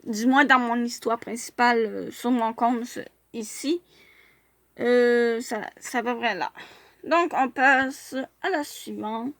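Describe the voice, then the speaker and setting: A woman's voice: fairly high pitch, slow, a bit bright, dry recording. A woman chatting casually in a vlog as she reviews fan profiles, hesitating often with filler sounds and restarts.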